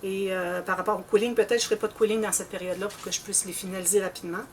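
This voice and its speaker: A Québécois woman chats casually to her viewers in a loose, rambling way, clearing her throat now and then. Her voice sits at a middling pitch and sounds a little distant from the microphone, with faint noise underneath. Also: steady tone, very fast. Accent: Québécois French. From Canada. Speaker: scrapbooking channel host.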